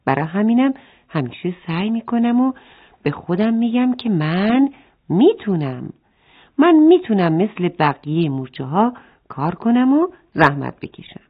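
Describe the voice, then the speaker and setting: A woman's voice: medium pitch, big pitch swings. A woman voicing a tiny, hardworking ant who is proud and determined, in a children's story. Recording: phone-like narrow band.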